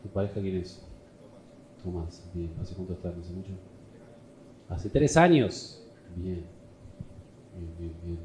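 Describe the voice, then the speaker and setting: A man's voice: low-pitched, animated, slow, long pauses, darkish tone. Joking Argentine comedian, man. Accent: Rioplatense Spanish. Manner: teasing, joking, laughing often. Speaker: stand-up comedian and vlogger. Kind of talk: crowd work and casual vlog chat.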